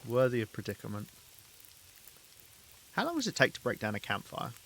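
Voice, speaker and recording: A man's voice: medium pitch, huge pitch swings, a little fast, creaky, fairly bright tone, breathy edge. A man with a Southern English accent chatting casually with his chat while streaming a game, talking freely and laughing often. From England.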